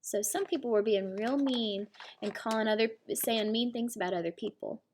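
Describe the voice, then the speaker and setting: A woman with a voice on the high side and a darkish tone reads a children's picture book aloud at normal speed, like a teacher. She pauses to explain words and add asides about the story, and there is slight background noise.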